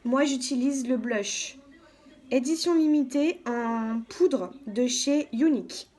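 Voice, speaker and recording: A woman giving a calm, step-by-step makeup tutorial as a beauty vlogger, often saying "donc" and "voilà". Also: high-pitched, slow.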